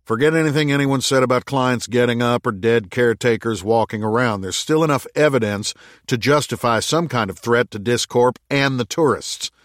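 A man's voice: mid-range voice, moderate pace, few pauses, no room sound, pitched above the performer's own voice, natural voice. A man voicing a blunt, hot-tempered young man who talks impatiently, in a dry recording.

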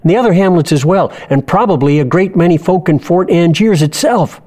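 A man voicing an earnest, worried village father and elder with measured, folksy speech in a fantasy audio drama. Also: sits high, mellow, voice pushed up. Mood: concerned, urgent.

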